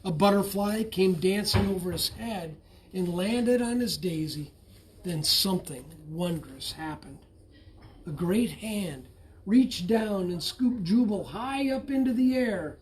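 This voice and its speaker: Man reading a children's picture book aloud, unhurried and expressive. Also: high voice, slight background noise. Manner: slow, expressive storytelling. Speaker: storybook reader.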